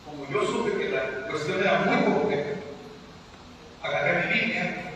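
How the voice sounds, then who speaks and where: A man from Mexico, a pastor telling a story in a sermon with dramatic storytelling, his voice dropping low for the tense moments. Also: expressive, unhurried, a bit bright, a little hiss or hum. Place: large church hall. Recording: distant mic in echoey hall.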